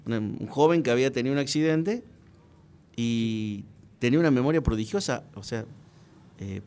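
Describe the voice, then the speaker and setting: A man's voice: mid-range voice, moderate pace, a little mellow, a little hiss or hum. A man, talking casually on a radio show, hesitant and full of restarts, reciting poetry with feeling.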